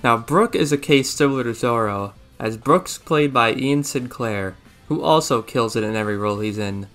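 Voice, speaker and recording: A man's voice: medium pitch, normal speed, fairly bright tone, faint music behind. A young man narrating a scripted video essay, opinionated and enthusiastic. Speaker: video reviewer.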